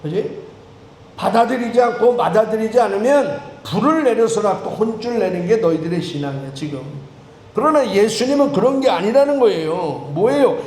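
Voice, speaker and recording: High-voiced male priest, echoey church. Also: animated. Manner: conversational, joking with the congregation, quick swings between loud and soft. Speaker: Anglican priest. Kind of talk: sermon. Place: church sanctuary. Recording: echoey church with faint room noise.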